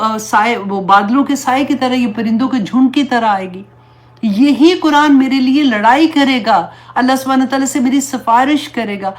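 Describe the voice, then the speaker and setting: A woman Islamic teacher giving an earnest, pleading religious talk, slipping English words into her speech. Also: high-pitched.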